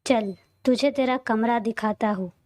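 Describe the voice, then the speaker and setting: A woman's voice: a little high, a little slow, a little mellow, no echo, close to an everyday voice. A woman voicing a cheerful, teasing young man who is a loyal friend, in a read-aloud audio story. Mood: friendly.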